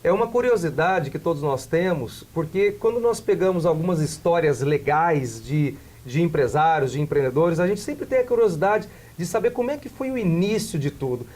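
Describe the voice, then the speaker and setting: A man's voice: on the high side, animated, moderate pace, hardly any pauses, a little mellow. Man hosting a business interview. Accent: Brazilian Portuguese. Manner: asks several rephrased questions in a row. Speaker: TV talk show host.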